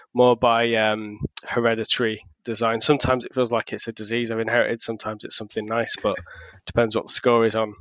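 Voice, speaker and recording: A man's voice: on the low side, fairly bright tone. A man from the north of England, chatting casually as a podcast guest with frequent fillers. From Accrington, England. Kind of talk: casual interview chat.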